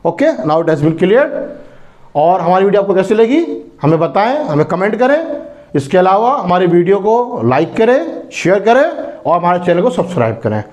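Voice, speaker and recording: A man teaching English phonics, reading example sentences slowly word by word and repeating each vowel sound. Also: high voice, very animated, a little mellow. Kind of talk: phonics lesson.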